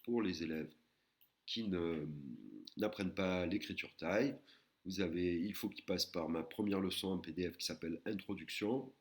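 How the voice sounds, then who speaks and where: A man teaching a recorded language lesson, patiently explaining and sounding out words slowly, syllable by syllable. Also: low-pitched. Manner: slow, careful, syllable-by-syllable pronunciation of Thai words.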